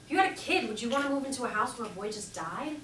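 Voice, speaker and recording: A woman plays a blunt young pregnant woman who teases and speaks her mind, her voice pitched a little high. She is heard from a distant mic in a reverberant room with steady background noise, like a stage play taped from the house. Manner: blunt, wry, quick to tease. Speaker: stage actor. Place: theater stage. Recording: echoey room, far-off mic, noisy.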